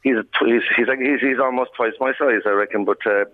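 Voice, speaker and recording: A man's voice: medium pitch, steady tone, quick pace, crowd noise. A man with a Kerry Irish accent telling anecdotes in a lilting, wry, colloquial way as a writer being interviewed by telephone. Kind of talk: lilting, anecdotal storytelling in casual chat. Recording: tinny, band-limited phone line.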